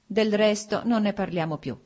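A woman's voice: mid-range voice, normal speed, a little mellow, natural voice. A woman voicing a cold, stiff middle-aged official who speaks curtly and sardonically.

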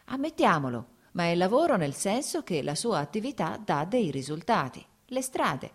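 A woman reading as a calm, teasing nobleman. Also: fairly low pitch, normal speed, slightly rough, pitched above the performer's own voice, full character voice. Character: easygoing worldly male nobleman.

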